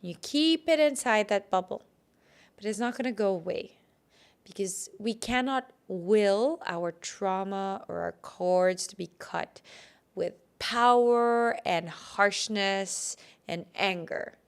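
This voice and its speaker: Woman, podcast host, guided visualization, resonant clear voice, repeats phrases with rising emphasis. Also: medium pitch, unhurried.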